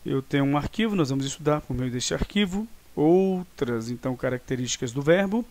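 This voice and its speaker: A Brazilian man with a Brazilian Portuguese accent teaches an online grammar lesson, explaining patiently and checking in with students often. His voice is a little high, animated, a little fast and a little mellow.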